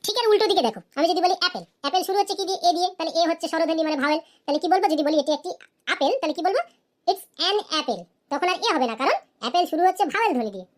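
A woman teaching a cartoon grammar lesson, asking questions and answering them herself, and saying her English examples slowly. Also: very high-pitched, expressive, a little hiss or hum.

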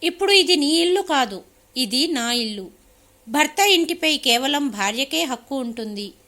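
A woman's voice: sits high, lively intonation, moderate pace, sharp tone, heavily acted. A woman voicing a harsh, domineering sister-in-law in a story reading. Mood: contemptuous. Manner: contemptuous, bossy.

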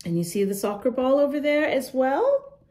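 A woman's high, darkish voice with big pitch swings reads a picture book at a normal speed. She's a children's storytime host, encouraging and emphatic, talking directly to young listeners and asking them questions.

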